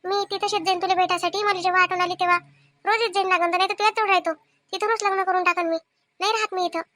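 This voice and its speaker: A woman's voice: extremely high pitch, steady tone, rapid-fire, pushed and bright, a little hiss or hum. A woman voicing a caring young daughter who comforts her aunt, with a Vidarbha Marathi accent, in a cartoon comedy. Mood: comforting. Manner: soothing, reassuring.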